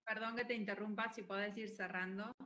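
A woman moderating an online event, polite and brisk as she keeps speakers on time. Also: mid-range voice, steady tone, pushed and bright. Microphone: video call. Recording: lo-fi call audio with faint noise.

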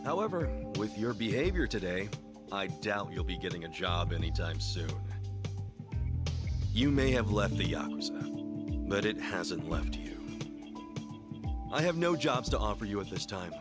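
Game role: earnest, courteous male job counselor, formal and measured, lowish pitch, music underneath. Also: sing-song. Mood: calm, firm. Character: earnest polite male job counselor, modest but firm. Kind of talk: video game voice acting.

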